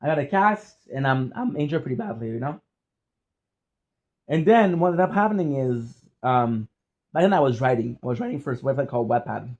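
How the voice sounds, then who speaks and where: A man with a French accent telling personal stories in a casual, rambling vlog style, often halting to repeat and correct himself. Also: mid-range voice, animated, darkish tone, lo-fi sound. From France or French-speaking region. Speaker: content creator.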